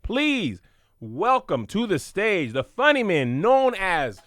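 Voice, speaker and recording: A man's voice: high-pitched, big pitch swings, slow pace, a bit bright, no echo, studio quality. A man hosting a casual interview and introducing his guests in a playful, hyped way. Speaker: host.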